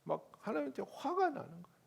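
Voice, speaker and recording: A man preaching a sermon as pastor, swinging from hushed asides to loud pleading. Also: very high-pitched, sing-song, fast, vocal fry.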